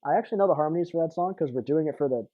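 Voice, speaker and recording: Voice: mid-range voice, very fast, phone-quality sound. A co-host in a casual gaming chat who laughs often, teases and stammers.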